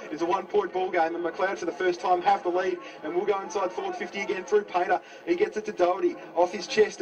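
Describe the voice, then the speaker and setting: An Australian man gives live play-by-play of a football match. His voice sits a bit high and climbs when play gets exciting. He is picked up slightly away from the microphone. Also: highs cut off. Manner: builds to excited raised-voice calls. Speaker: local radio football commentator. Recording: slightly distant mic.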